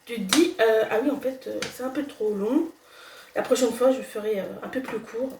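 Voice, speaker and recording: A young woman whose voice sits on the high side talks at a moderate pace in a casual home cooking video. She has a slight cold and is hesitant, with frequent fillers and restarts. The echoey kitchen leaves her sounding far away, with background noise, a sizzling pan, and stirring.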